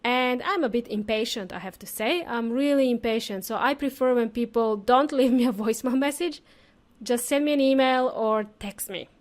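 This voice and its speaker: Slightly high and at normal speed, a female English teacher talks through a casual podcast lesson. She speaks informally to her listeners, breaking things down simply and repeating them.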